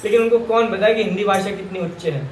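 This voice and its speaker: A man's voice: high-pitched, fast, slight background noise. A man from Rajasthan teaching Jain scripture to a live audience in a chatty, joking way, often calling his listeners brother. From Rajasthan, India. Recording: echoey hall with faint ambience.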